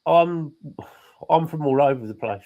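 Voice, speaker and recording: A man from England in casual chat, emphatic and quick to correct others, talking over a remote call. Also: a little high, narrow, tinny audio. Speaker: podcast co-host. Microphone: remote call setup.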